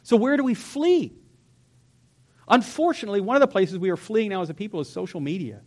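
A man's voice: high-pitched, animated, fairly quick. A pastor preaching an earnest sermon in a church, his voice rising and falling for emphasis. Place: church sanctuary.

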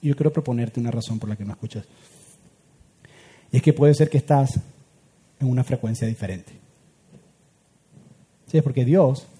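A man preaching a sermon as a pastor, swinging from loud urgent build-ups to hushed, quiet lines. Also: medium pitch, husky.

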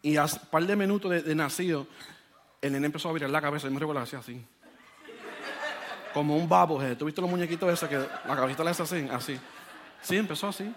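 A man preaching a sermon, telling a personal story with animated delivery and dropping into English phrases. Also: fairly high pitch, fast talker, pauses often, noisy background. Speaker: pastor.

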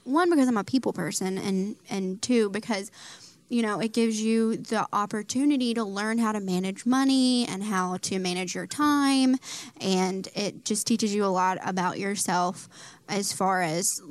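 Young woman, chatty and filler-heavy, mid pitch, dry studio mic. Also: a little slow, dry recording. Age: young adult. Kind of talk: casual chat.

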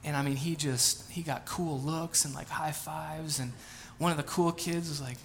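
With a fairly high pitch, mostly even intonation, a moderate pace and some vocal fry, a pastor in his late thirties reads from scripture, prays, and then shares humble, self-mocking anecdotes. The sermon takes place in a church sanctuary, and there's a bit of background noise.

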